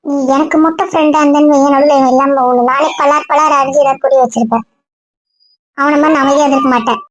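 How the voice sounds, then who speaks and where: A woman's voice: high voice, steady tone, fast, highs cut off, lightly acted. A woman voicing a blunt, protective young friend who scolds in a stream of rhetorical questions. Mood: scolding. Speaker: outspoken friend. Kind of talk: Tamil audio drama acting.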